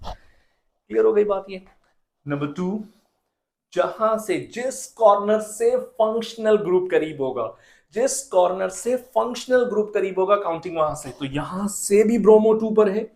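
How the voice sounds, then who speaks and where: A man's voice: high voice, mellow. A man teaching a chemistry lesson, asking the class questions and answering them himself, and repeating the key rules. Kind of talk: classroom lecture.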